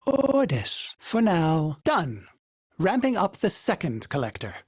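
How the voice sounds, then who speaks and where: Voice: wildly swooping pitch, takes it slowly, husky, no room sound, full character voice. Ordis, a glitchy, courteous ship AI. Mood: wistful. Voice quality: formal, speaks of himself in third person. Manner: courteous, dry wit, sudden pitch jumps. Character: polite, fussy male starship AI, wistful. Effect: glitchy synthetic voice filter. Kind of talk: game character voice lines.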